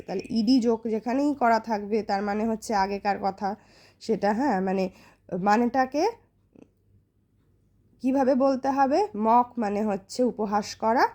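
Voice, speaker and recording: Woman teacher, slightly high but mellow voice; patient, spells words out slowly for the class. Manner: slows down to read English example sentences. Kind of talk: classroom vocabulary lesson.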